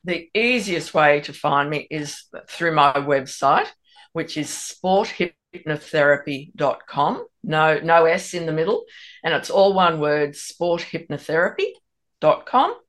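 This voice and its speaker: A woman hypnotherapist guest on a radio show, explaining her work calmly. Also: sits low, a little slow. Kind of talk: radio interview.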